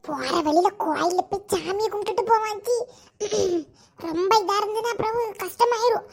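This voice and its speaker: Very high-pitched fretful woman, faint noise behind. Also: a little fast. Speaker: comedy sketch performer. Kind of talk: comic village sketch.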